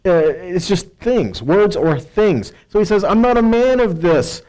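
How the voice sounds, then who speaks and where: This man's voice is high-pitched and darkish, with lively intonation and an unhurried pace, captured on a rough recording. Teaching scripture in a conversational sermon, he is emphatic, quotes and paraphrases dialogue, and checks in with listeners through rhetorical asides.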